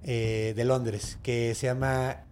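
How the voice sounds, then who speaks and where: A man with a Mexican accent retelling an old myth in slangy, animated casual chat as a podcast host. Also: mid-range voice, slow, a little hiss or hum. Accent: Mexican Spanish.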